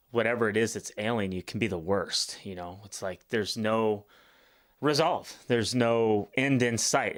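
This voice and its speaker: A man's voice: lowish voice, a bit bright. A man giving casual, rambling commentary as the host of a music reaction video, talking in an informal, slangy storytelling way.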